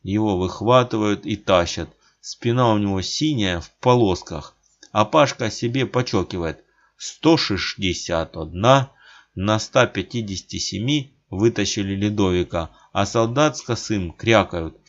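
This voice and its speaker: Low-voiced man narrating an audiobook. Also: normal speed. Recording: dull lo-fi audiobook recording.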